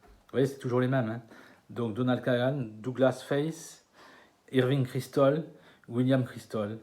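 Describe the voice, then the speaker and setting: A man from France giving a conference lecture, hesitant with many fillers and restarts, slowing down over names. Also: mid-range voice, steady tone, mellow. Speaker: conference speaker. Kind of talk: lecture to an audience. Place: conference hall.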